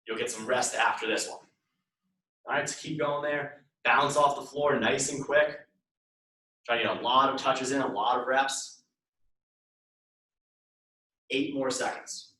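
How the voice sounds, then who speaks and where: A male fitness instructor speaks at a measured pace with a steady tone and frequent pauses, his medium-pitched voice pushed and bright. He gives short repeated cues and counts down reps during a live class, recorded far from the mic in an echoey room.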